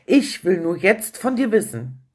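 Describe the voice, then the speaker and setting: A woman's voice: medium pitch, big pitch swings, a little slow, husky. A woman quoting her male marketing adviser, an impatient man firing insistent questions over the phone.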